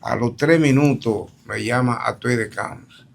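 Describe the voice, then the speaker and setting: A man's voice: mid-range voice, a little slow, creaky. An older man with a Dominican accent, a politician guest animatedly retelling events and acting out the dialogue. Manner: animated, acts out quoted dialogue. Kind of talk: storytelling interview.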